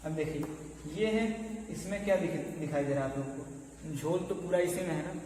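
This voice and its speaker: Brief: male teacher, slightly high voice, heard from afar in a boomy classroom with a faint hiss. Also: normal speed, a little mellow. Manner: conversational, keeps checking in with "okay". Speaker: maths teacher. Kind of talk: classroom lecture at a board. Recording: echoey room, mic far off, faint noise.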